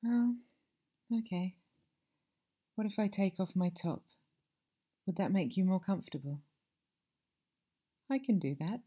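Breathy, slow-whispering woman, ASMR roleplay. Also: medium pitch, animated. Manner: soft, slow, soothing, often whispered. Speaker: masseuse in a roleplay.

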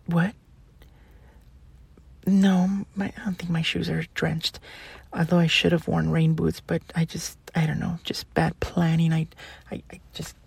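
ASMR role-play, woman playing shy polite college delivery girl, stammers and apologizes, super husky and creaky. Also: lowish voice, dry recording, heavily acted. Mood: bashful, yielding. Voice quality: breathy, husky soft voice. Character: flustered, polite 21-year-old female college student delivering food.

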